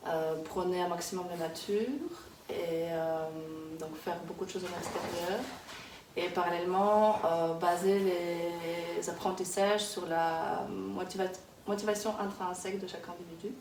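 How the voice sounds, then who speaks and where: Being interviewed, an early childhood worker in her thirties who was born in Kazakhstan speaks hesitantly and casually, filling pauses and restarting often. She has a lowish, darkish voice with a level tone and moderate pace. Background noise, an echoey room, and a distant mic mark the recording.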